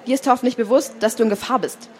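A woman voicing a frantic, shrill woman at a live reading of a novel, her lines louder than the narration. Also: fast talker, close to an everyday voice. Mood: anxious. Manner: panicked, pleading, then screaming. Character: frantic dark-haired woman, shrill and commanding. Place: book fair stand, indoors.

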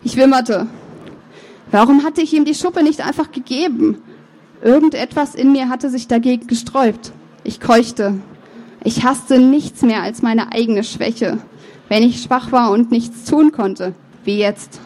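A woman author reading her novel aloud, with measured, expressive first-person narration and the odd slip of the tongue. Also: fairly high pitch. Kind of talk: book reading.

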